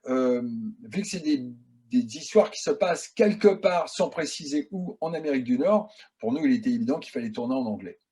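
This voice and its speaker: Husky, mellow-voiced man telling stories. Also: mid-range voice, a little fast. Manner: chatty, animated storytelling. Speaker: guest filmmaker. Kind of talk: casual interview answers.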